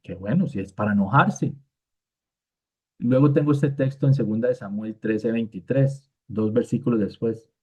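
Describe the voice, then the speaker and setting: A man giving a conversational Bible lesson in an informal manner. He fills pauses with "este" and briefly acts out the lines he quotes. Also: medium pitch, mellow, husky. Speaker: Bible teacher. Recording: tinny phone-like sound.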